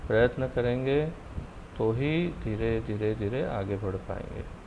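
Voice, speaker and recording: Gravelly man teaching a scripture class. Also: mid-range voice, expressive, slow pace. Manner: firm, encouraging, corrective. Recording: muffled online call audio with faint noise.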